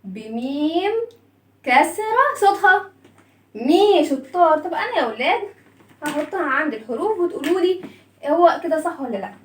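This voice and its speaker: High-voiced Egyptian woman teaching children. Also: big pitch swings, roomy sound, far from the mic. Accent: Egyptian Arabic. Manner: drawn-out sounds, praises children often. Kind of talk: lively lesson for young children.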